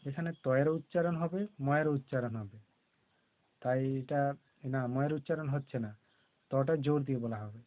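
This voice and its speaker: Patient man teaching letters, tinny sound. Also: mid-range voice. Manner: slow, patient, spelling out letters one by one. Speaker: primary school teacher. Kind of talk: classroom lesson on conjunct letters. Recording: tinny phone-like recording.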